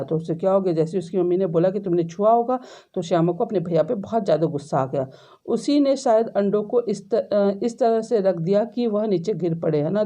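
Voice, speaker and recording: Woman teacher, mellow warm voice, reads then explains simply, tag questions. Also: medium pitch. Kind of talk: explaining a story lesson.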